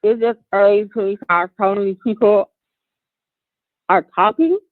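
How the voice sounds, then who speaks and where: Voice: medium pitch, measured pace, no echo. Call-in caller, muffled through a wall, tinny phone line, far from the mic, dry. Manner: faint and hard to hear. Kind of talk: call-in radio chat.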